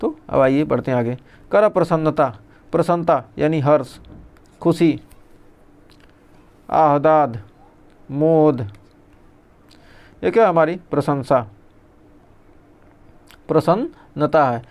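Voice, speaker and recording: A man's voice: fairly high pitch, takes it slowly, pauses often, darkish tone. A male teacher giving an exam revision lesson, reading out lists and asking and answering his own questions.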